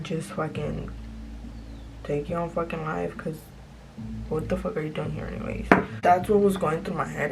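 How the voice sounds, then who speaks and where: A young adult woman chatting confessionally in a laid-back stoner drawl, slangy and sweary, with a gravelly fry to her voice. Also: on the low side, noisy background. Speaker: vlogger. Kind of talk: confessional casual chat.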